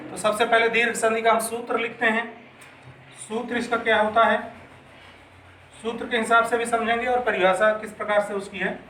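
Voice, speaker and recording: A man's voice: very high-pitched, little pitch movement, moderate pace, bright, forceful tone, slight background noise. A man teaching a grammar lesson patiently, asking questions and answering them himself. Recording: echoey room, mic at a distance.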